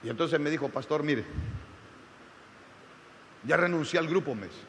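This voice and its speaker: A pastor preaching a sermon, telling a story with rising, shouted emphasis. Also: male voice, on the high side, normal speed, long reverb tail, slight background noise. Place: church.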